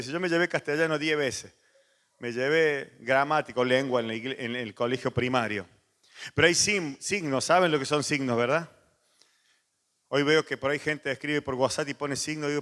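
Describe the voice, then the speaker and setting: A man, a pastor preaching a sermon, animated and moving between loud emphasis and soft asides. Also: mid-range voice. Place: church hall. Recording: long church reverb.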